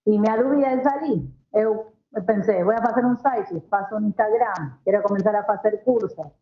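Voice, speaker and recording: A woman from Argentina, a marketing professional appearing as a guest, speaks casually in her native Spanish with an Argentine accent, blending in Portuguese. Her voice sits at medium pitch and moves at a normal speed. The room echoes, and the high frequencies are cut off.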